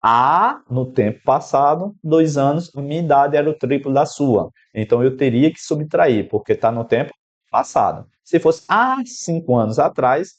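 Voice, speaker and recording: With a Brazilian Portuguese accent, a man teaches an exam-prep math lesson, walking through an equation step by step and speaking straight to the student. His voice is medium-pitched and expressive at a normal speed. The recording is slightly dull and lo-fi.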